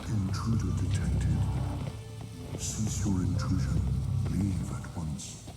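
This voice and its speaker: Stern security robot golem, deep, robotic, warning tone, game voice. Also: male voice, slow, roomy sound, over loud music. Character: stern magical security golem, huge, relentless. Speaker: tower guardian in a video game. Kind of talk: game voice acting.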